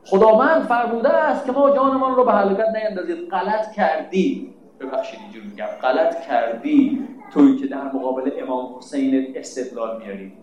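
High-pitched guy preaching, scolds a lot, lots of rhetorical questions, echoey room. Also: expressive, dull audio. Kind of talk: religious sermon.

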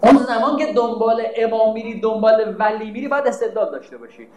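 A man's voice: high-pitched, lively intonation, a little mellow, roomy sound, rough recording. A man giving a religious sermon, emphatic and scolding, asking rhetorical questions. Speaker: preacher.

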